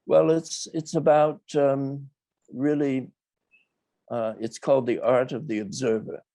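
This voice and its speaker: An older man, a documentary filmmaker, talks reflectively in an interview, choosing his words in a thoughtful, measured and hesitant way. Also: medium pitch, flat delivery, dark tone, no room sound.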